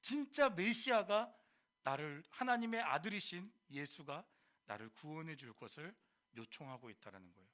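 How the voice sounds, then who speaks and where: Male youth preacher, sermon to teens, very lively intonation, quizzes the audience. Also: a little high, moderate pace. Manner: animated, quizzes the audience, mixes casual speech. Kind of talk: sermon to high schoolers.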